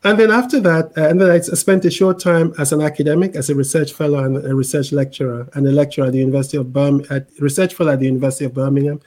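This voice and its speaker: A man's voice: fairly high pitch, fairly even intonation, rapid-fire, hardly any pauses, a little mellow. A middle-aged man from Cameroon with a mixed international accent, explaining things in a conversational interview with frequent repeated words and "right?" tags. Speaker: interview guest, tech executive.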